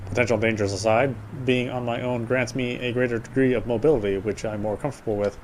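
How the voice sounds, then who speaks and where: With a mid-range voice, steady tone and quick pace, a man narrates a horror game dramatically, reading the visual novel aloud as host. He sounds brooding and sometimes trips over words; the recording is rough, with clearly audible background noise.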